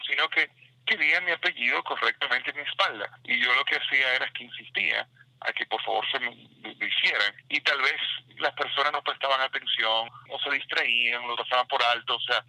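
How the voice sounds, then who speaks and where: A man's voice: medium pitch, fairly quick, sharp tone, no echo, rough recording. A man, a baseball analyst, speaking earnestly and with emphasis in a recorded interview segment. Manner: earnest, emphatic about pronunciation.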